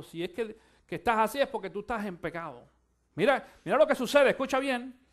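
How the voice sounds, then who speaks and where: A male pastor preaching a sermon, shifting from quiet musing to loud, fervent exhortation and urging his listeners to listen. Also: high voice. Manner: addresses listeners directly, urging them to listen.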